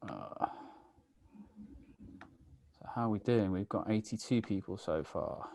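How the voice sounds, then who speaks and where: A man's voice: on the low side, unhurried, gravelly, a little mellow, no room sound. A man hosting a live online meetup, chatty and full of fillers, greeting viewers by name over a video call. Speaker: webinar host. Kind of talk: casual live-stream chat.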